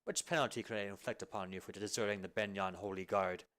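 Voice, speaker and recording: A man voicing a strict female deputy commander who speaks with slow, clipped, menacing calm. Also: fairly low pitch, close to an everyday voice. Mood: stern. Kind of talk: amateur video game fan dub.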